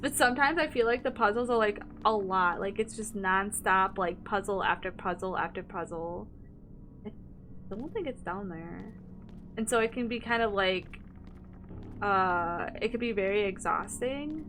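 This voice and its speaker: A woman's voice: medium pitch, moderate pace, fairly bright tone, slight background noise. A young woman streaming a horror game, thinking aloud in casual commentary with lots of fillers and hesitations.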